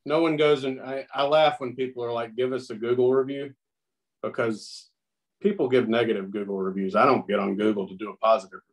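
A man's voice: mid-range voice, fairly even intonation, brisk, low-quality recording. Blunt middle-aged man on a video call. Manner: blunt, wry. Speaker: panelist. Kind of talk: casual video-call chat.

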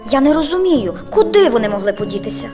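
A woman's voice: sits high, very animated, quick pace, over music. A woman voicing an anxious elf mother in an audio fairy tale, speaking in a worried, fretful way.

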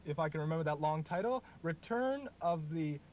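A young man plays an enthusiastic film critic hosting a spoof review show. He speaks in a high voice with halting repeats and stubborn opinions, recorded on slightly noisy home video. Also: lively intonation, darkish tone, close to an everyday voice. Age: young adult. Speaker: show host. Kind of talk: mock movie-review show banter.

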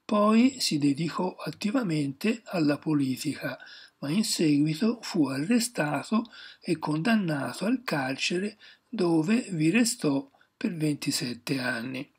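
Man from Italy, husky voice, slow and measured scripted travel narration. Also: fairly high pitch, animated. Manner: measured, informative reading.

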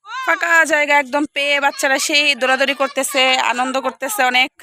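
A woman's voice: sits high, fast talker, sharp tone, a little hiss or hum. A woman from Bangladesh chatting as she walks outdoors past rice fields and calls out to the children in her group. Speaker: family vlogger. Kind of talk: casual walking vlog narration. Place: outdoors among rice fields at a research farm.

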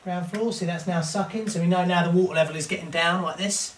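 Chatty British plumber, somewhat high voice. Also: male voice, steady tone, quick pace, a little hiss or hum. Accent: British English. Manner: chatty and jokey, cheeky asides. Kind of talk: hands-on plumbing tutorial. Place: inside a house, airing cupboard and rooms. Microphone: wide-angle camera held close or set on floor.

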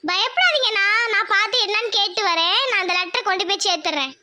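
A woman voicing a chatty, helpful young village girl in a cartoon, speaking in a lively rural manner. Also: extremely high pitch, quick pace, noisy background. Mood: earnest, coaxing. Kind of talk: cartoon voice acting.

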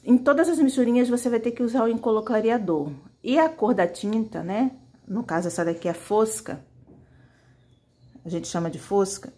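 A woman's voice: fairly high pitch, moderate pace, dark tone. Woman doing a laid-back painting tutorial, chatty, talks right to the viewers while painting. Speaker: fabric painting teacher. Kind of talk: casual tutorial.

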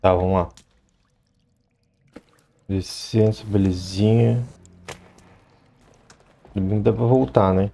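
A man chatting to himself while playing a game, shouting in the fights. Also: fairly low pitch, steady tone, slow pace, gravelly, long pauses. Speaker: gameplay commentator. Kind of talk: let's play commentary.

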